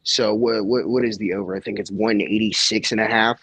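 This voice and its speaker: A man's voice: on the low side, steady tone, a little fast, fairly bright tone, husky, dry recording. A man giving sports betting picks in casual chat, swearing freely and poking fun at himself. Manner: profane, self-mocking banter. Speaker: co-host.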